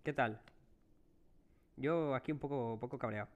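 A man's voice: mid-range voice, moderate pace, highs cut off. A man with a Spain Spanish accent streaming a horror game live, chatting with viewers and cursing when he gets startled. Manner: jumpy, curses and groans when startled. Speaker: livestreaming gamer.

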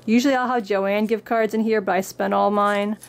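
Speaking a little fast with a creaky, medium-pitched voice and fairly even intonation, this craft vlogger is getting over a cold and doing a casual show-and-tell of her bag's contents. She's indoors against a plain backdrop, with slight background noise. Book excerpts get an upbeat lift; the rest is plain chat.

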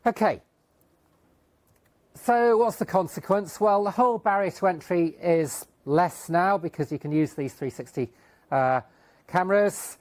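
In a lecture hall, another middle-aged conference speaker presents technical slides in a high-pitched, darkish voice. He takes his time, and his delivery is hesitant, riddled with ums, fillers and restarts.

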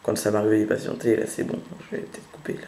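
A man talks through a computer repair one step at a time, in a relaxed, casual tutorial manner. His voice is gravelly and dark, with a faint hiss of room ambience behind him. He is patient and plain, with no showmanship. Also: on the low side. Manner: patient step-by-step instructions, often pausing to show what happens. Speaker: tutorial host. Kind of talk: casual tech tutorial narration.

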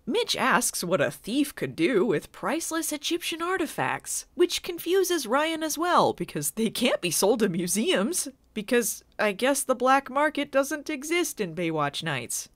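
A woman recapping a TV episode with sarcastic, deadpan asides. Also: high voice, a little slow, hardly any pauses, no echo. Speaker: video reviewer. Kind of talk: comedic recap narration.

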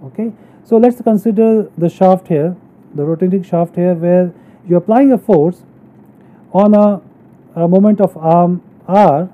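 A man with a high-pitched voice gives an explanatory engineering lecture over slides, recorded with narrow, phone-like sound. He works through each point step by step, haltingly.

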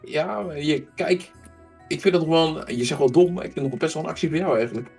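A young adult man chatting casually during a game, animated and repeating short phrases. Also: fairly high pitch, fast, creaky, breathy edge, soft background music. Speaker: gamer, the seeker in hide-and-seek. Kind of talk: casual gaming banter.

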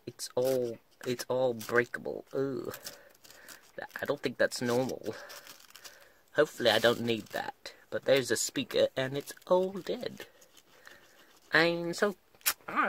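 A man's voice: fairly high pitch, bright, forceful tone, slight background noise. A man filming himself pulling speakers out of an old pickup, talking in a joking put-on twangy drawl and muttering while he works inside the cab. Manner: mutters and grunts while working with his hands. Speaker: car-repair vlogger. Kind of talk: casual hands-on tutorial chat. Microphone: handheld camera held close while working.

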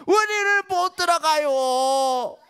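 A woman's voice: high voice, lively intonation, slow pace, fairly bright tone, voice pushed up, full character voice. A woman voicing timid, frightened male scouts in a children's Bible story, with a whimpering, fearful delivery.

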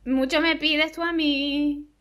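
Spanish woman gaming host, high bright voice, lively and excitable, self-mocking banter. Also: slow. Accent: Spain Spanish. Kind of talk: casual let's-play commentary.

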